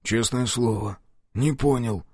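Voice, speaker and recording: A man's voice: medium pitch, measured pace, vocal fry, a little mellow, breathy edge, dry recording, studio quality. A man reading an audiobook, voicing a cowardly, corrupt young police officer who whines evasively and pleads. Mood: pleading.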